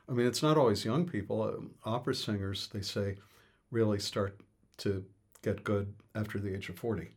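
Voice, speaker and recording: Man, low husky voice, rambling interviewee who thinks aloud with fillers and restarts. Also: darkish tone. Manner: hesitant, many fillers and restarts. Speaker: interviewee on music. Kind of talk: thoughtful conversational explanation.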